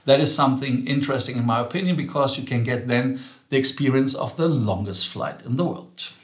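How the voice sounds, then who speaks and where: A male host with a German accent talks through travel news in a loose, chatty way, stumbling and correcting himself as he goes. His voice sits at an ordinary pitch. The room around him rings with noticeable echo. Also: brisk. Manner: chatty, loose phrasing with frequent ums and self-corrections. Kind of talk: casual news commentary.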